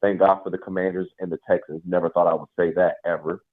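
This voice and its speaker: A man's voice: deep voice, little pitch movement, fast talker. A man calling in to a sports radio show over a phone line, venting in a casual, emphatic way. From Nashville area, US South. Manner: emphatic, frustrated fan venting. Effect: caller heard over a phone line. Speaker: call-in radio caller. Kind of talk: casual call-in sports talk.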